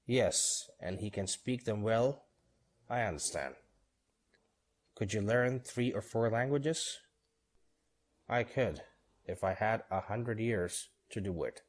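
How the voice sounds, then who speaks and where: A man reading both parts of short scripted dialogues for English learners, steady and measured. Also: on the low side.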